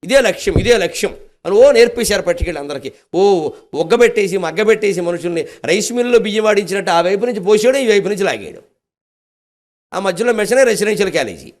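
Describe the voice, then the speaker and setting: A man's voice: high voice, fast talker. An older man with a Telugu accent delivering a devotional discourse, telling the epic with humorous asides and acted-out quotes. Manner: animated storytelling, acting out quotes, humorous asides. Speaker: spiritual discourse speaker.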